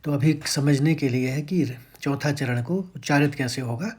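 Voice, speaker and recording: A man teaching how to recite verses, patiently breaking words into syllables and chanting each line slowly and drawn out. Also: fairly high pitch, darkish tone, slightly rough. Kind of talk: step-by-step chant lesson.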